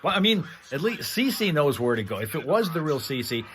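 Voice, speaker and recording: A livestream host chats casually with viewers, telling rambling, conversational stories. His voice sits on the high side and has a sing-song lilt at normal speed, with clear background noise in the recording.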